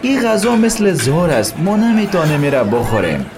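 A man's voice: fairly high pitch, huge pitch swings, crowd noise. A man voicing an anxious young male disciple. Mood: worried.

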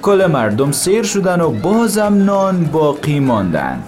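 A man's voice: on the high side, wildly swooping pitch, a little mellow, faint music behind. A man telling a Bible story to his daughters as a father. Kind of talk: storytelling to children.

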